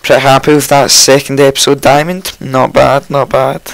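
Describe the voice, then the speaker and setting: Croaky just-woken man narrating gameplay. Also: medium pitch, flat delivery, moderate pace, dry recording, low-quality recording. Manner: rambling, chatty, with frequent ums and self-corrections. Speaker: let's play host. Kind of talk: casual gameplay commentary.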